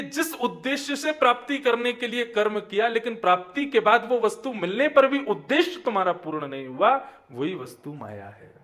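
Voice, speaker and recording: High-voiced man preaching a sermon. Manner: sermon delivery with rising emphatic lines and soft dropped endings; chants verses slowly in song.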